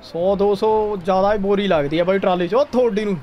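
Young guy streaming a game, high voice, keeps repeating little exclamations, engine noise behind. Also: fairly quick, lo-fi sound. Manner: excitable, repeats short exclamations. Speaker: gaming streamer. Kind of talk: casual gameplay commentary with a friend. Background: tractor game sounds.

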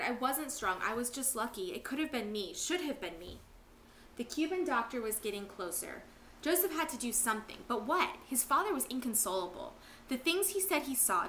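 A woman teacher reading a novel aloud at home with expressive storytelling. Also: mid-range voice, slight background noise.

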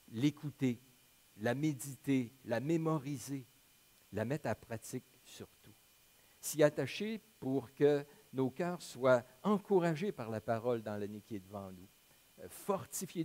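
A male pastor with a Quebec French accent delivers a sermon. He reads scripture aloud at a measured pace, then speaks plainly and conversationally, pausing now and then to search for words. His voice sits at an ordinary middle pitch. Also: darkish tone. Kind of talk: sermon with Bible reading.

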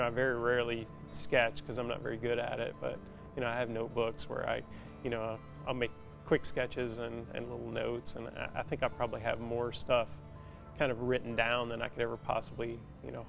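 A metal sculptor in his forties, interviewed for a documentary in a big indoor metal workshop, speaks into a lapel mic with instrumental music behind him. His mid-range voice is completely flat and full of vocal fry. He talks reflectively and haltingly, in casual speech packed with fillers and plenty of "you know"s.

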